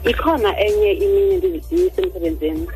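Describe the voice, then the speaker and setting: A woman's voice: on the high side, very animated, a little fast, warm tone, soft background music, poor audio. A South African woman telling a personal story in plain conversation on a radio programme. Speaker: caller sharing personal story.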